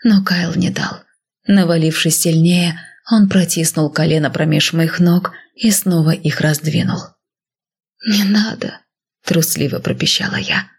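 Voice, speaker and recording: A woman narrating a first-person audiobook in a soft, often whispered voice, husky and breathy. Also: sits low, steady tone, moderate pace.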